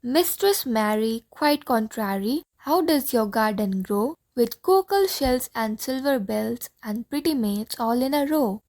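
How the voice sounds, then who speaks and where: A woman's voice: fairly high pitch, lively intonation, unhurried, few pauses, darkish tone. A woman reading the part of a serious female Martian space captain in an audiobook play, earnest and grave.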